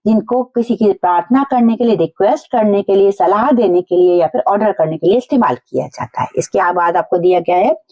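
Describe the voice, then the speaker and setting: A woman teacher explaining a school lesson to children, going slowly and repeating each point in simple words. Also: mid-range voice, darkish tone, lo-fi sound.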